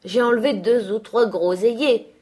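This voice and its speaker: A woman doing an awkward rough young countryman. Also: on the high side, normal speed, a little mellow, pitched above the performer's own voice, natural voice. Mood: earnest.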